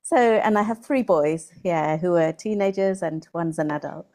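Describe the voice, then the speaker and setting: A woman's voice: on the low side, moderate pace. A woman, asking questions and nodding along with short listening sounds. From England. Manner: warm interviewer with steady listening sounds. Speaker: online English tutor. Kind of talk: casual video-call interview.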